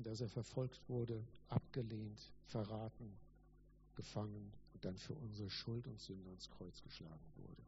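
Earnest male preacher, mellow tone. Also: fairly low pitch, lo-fi sound, slight background noise. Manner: earnest, emphatic preaching with repetition. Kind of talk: Christmas sermon with read-aloud story.

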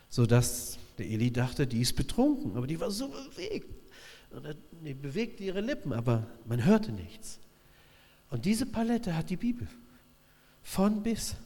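Animated preacher in a reverberant hall. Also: male voice, fairly high pitch. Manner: lively, animated preaching with voiced quotes. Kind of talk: sermon.

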